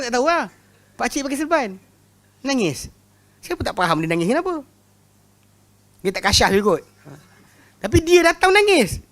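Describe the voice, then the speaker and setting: A man with a Malaysian Malay accent teaching a religious class, telling lively anecdotes, often laughing and repeating words. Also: extremely high pitch. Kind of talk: lecture with humorous anecdotes.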